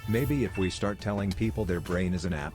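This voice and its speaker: A man telling jokes in a deadpan, measured way, delivering setups and punchlines as a comedian. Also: sits low. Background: music.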